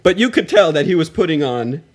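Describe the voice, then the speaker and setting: A man's voice: a little high, big pitch swings, a little fast. A young man hosting a casual chat, loose and joking, swearing freely.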